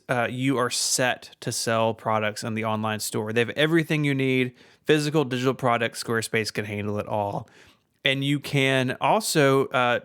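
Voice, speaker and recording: A man's voice: mid-range voice, clear, resonant tone, no room sound, studio quality. A man co-hosting a casual podcast, trading history facts, laughing often and reading a sponsor spot. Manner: laughs often, relaxed banter. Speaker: podcast co-host. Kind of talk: casual podcast chat and ad read.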